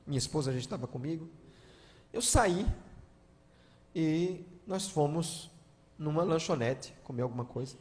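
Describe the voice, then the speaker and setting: A guest pastor, preaching a sermon and telling stories, moving from hushed to loud emotional appeals. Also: male voice, a little high, lively intonation, measured pace, long pauses. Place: large church hall. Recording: long church-hall reverb.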